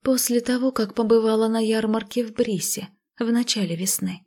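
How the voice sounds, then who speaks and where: A woman voicing a listless, melancholy fifteen-year-old village girl who speaks flatly and half in a whisper, in a storybook reading. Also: on the high side, moderate pace, voice pushed up. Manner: flat, emotionless, half-whispered.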